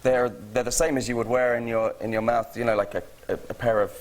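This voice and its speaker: Chatty British actor guest, laughs a lot, talks in stops and starts, talk-show interview. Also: male voice, mid-range voice, fairly even intonation, a little fast. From England.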